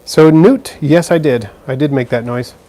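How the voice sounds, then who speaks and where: On a live stream filmed indoors beside a frog terrarium, a man casually takes viewer questions, chatting easily with plenty of fillers and restarts. He speaks at a moderate pace in a fairly high, warm voice.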